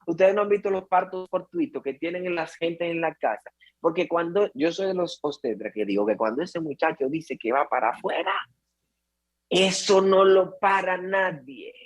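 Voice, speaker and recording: A man's voice: a little high, a little fast. A man, an obstetrician, explaining labor in an interview and acting out patients and relatives as he goes. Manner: animated, acts out patients and relatives. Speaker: obstetrician guest.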